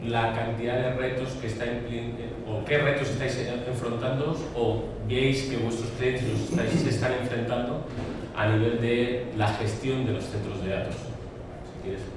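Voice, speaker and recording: A man's voice: mid-range voice, fairly even intonation, moderate pace. A man with an accent from Spain moderating a panel, introducing speakers and asking questions, hesitating as he searches for words. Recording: very echoey hall, distant, noisy.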